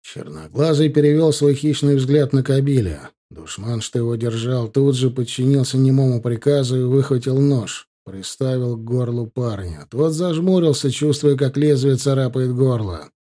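A man narrating a story in a steady, dramatic way, as in an audiobook. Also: mid-range voice, moderate pace, hardly any pauses.

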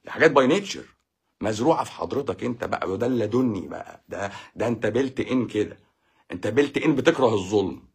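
Fast, husky Egyptian man preaching. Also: lowish voice, animated. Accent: Egyptian Arabic. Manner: emphatic, preachy, full of rhetorical questions. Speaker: doctor giving a talk. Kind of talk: casual talk on faith and life.

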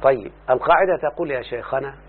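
Egyptian man teaching over a tinny line. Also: medium pitch. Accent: Egyptian Arabic. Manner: slow, deliberate, quizzing the student. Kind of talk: Arabic grammar lesson. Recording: tinny phone-like, faint hum.

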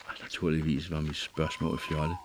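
Male audiobook narrator, very low voice, measured expressive reading, faint background hiss.

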